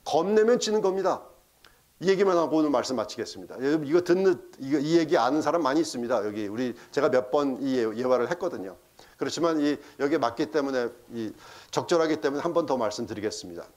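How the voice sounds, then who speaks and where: A man's voice: medium pitch, animated, quick pace, a little mellow. A middle-aged man preaching a sermon in a church, telling a story and acting out the voices of the people in it, with English phrases mixed in. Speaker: pastor.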